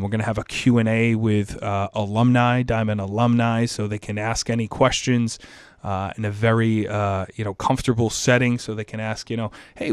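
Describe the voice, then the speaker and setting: A middle-aged man, speaking as a high school administrator in an interview, energetic and passionate, often repeating himself. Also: clear, resonant tone, no room sound. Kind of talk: interview answers.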